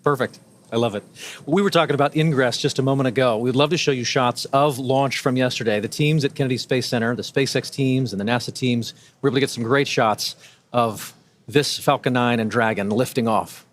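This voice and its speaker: Mid-pitched man co-hosting space commentary. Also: a little fast. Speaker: launch webcast co-host.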